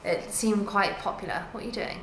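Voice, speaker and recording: A woman's voice: mid-range voice, a little fast, echoey room, a little hiss or hum, poor audio. A young British woman from the UK, chatting enthusiastically through a travel vlog with lots of "like" fillers. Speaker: travel vlogger. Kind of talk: casual travel vlog chat.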